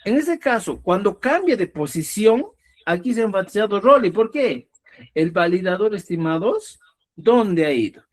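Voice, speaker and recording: A Quechua writing teacher delivers an explanatory lesson, stressing example words and checking in often with listeners. The voice is mid-range and sing-song, at a normal speed.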